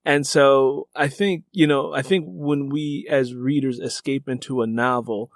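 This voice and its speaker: A man with a medium-pitched voice works as a podcast interviewer, talking reflectively and conversationally and circling back to rephrase his points with emphasis. His intonation is fairly even and his pace unhurried, and the recording is very dry, with no echo or room sound.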